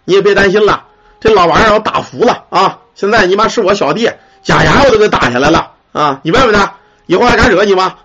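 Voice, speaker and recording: A man's voice: sits high, animated, quick pace, a bit bright, breathy edge, full character voice. A man doing a fierce old grandfather ghost. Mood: boastful. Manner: swearing, boastful. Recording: dull lo-fi recording.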